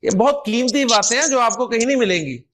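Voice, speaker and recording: High-pitched Pakistani Urdu-accented male teacher. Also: animated, a bit bright. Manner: explains slowly, repeats examples, checks understanding with the class. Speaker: Arabic grammar teacher. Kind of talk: recorded grammar lecture.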